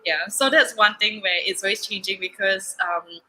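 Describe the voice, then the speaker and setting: Bright-voiced young Singaporean woman. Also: mid-range voice, moderate pace, poor audio. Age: young adult. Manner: chatty, many fillers and restarts, laughs often. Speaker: podcast guest. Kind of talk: casual interview.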